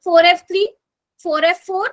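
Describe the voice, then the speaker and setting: A woman's voice: very high-pitched, fairly even intonation, fairly quick, a bit bright. A woman teaching a chemistry class online in Hindi, explaining step by step and often checking whether students follow. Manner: explains step by step, asks students to confirm with "okay?".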